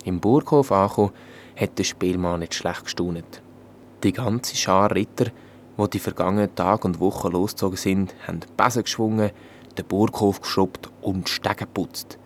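Man narrating a fairy tale, Swiss German accent, calm and even, deep voice, faint hiss. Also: moderate pace. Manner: calm, even storytelling in dialect. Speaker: storyteller.

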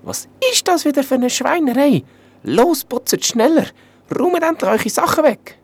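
Man putting on a shrill princess, shouting, very high, nagging storybook royal. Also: expressive, normal speed. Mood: scolding. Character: pompous young female princess, cleaning-obsessed scold.

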